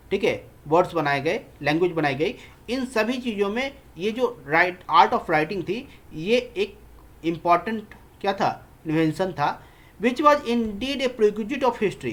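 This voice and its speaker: Teacher for an exam-prep lesson: reads English lines slowly, explains in mixed languages, checks in constantly. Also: mid-range voice. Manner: constantly checks in with "theek hai" fillers.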